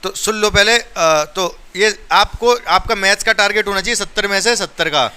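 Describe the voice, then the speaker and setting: A man's voice: sits high, moderate pace, pushed and bright, clean tone. A male maths teacher teaching a class step by step, counting aloud and urging his students. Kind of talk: classroom lesson.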